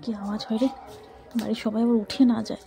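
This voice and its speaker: A woman chatting casually on a late-night vlog, keeping her voice low so as not to wake the house, her throat a bit strained from the cold. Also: little pitch movement, fast, gravelly, over loud music. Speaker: vlogger tending chickens at night. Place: rural home at night, kitchen and chicken shed. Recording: noisy night with clucking chickens.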